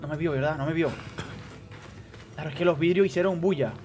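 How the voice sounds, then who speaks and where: A man doing live gameplay commentary, excitable, repeating phrases rapidly and talking straight to his chat. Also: fairly high pitch, over music. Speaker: gaming streamer.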